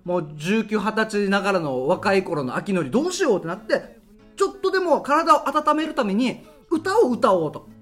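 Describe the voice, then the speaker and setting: A man hosts a local radio show, telling stories in a relaxed monologue. His pitch swings widely as he acts out voices and sound effects, and faint music plays under his voice. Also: moderate pace. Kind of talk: casual storytelling monologue.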